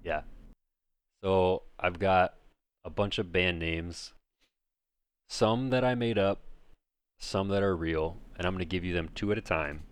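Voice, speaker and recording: A man's voice: low-pitched, measured pace, pauses often, smooth. A man co-hosting a podcast in casual chat, dry and teasing in a blunt way. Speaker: podcast co-host.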